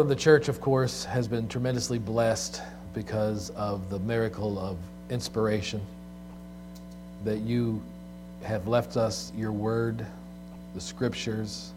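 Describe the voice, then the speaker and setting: A man preaching as a pastor at a pulpit microphone, speaking in a measured, deliberate way with pauses. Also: fairly low pitch. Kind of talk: sermon with scripture reading and prayer. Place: church service, speaking from the pulpit. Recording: clear background mains hum.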